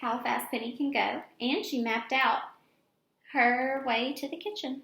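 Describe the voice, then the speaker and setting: Reading a picture book to young children, the teacher speaks a little slowly in a high, creaky, fairly bright voice with a steady tone. She's expressive and adds simple asides to explain things, and the indoor room gives the recording an echo.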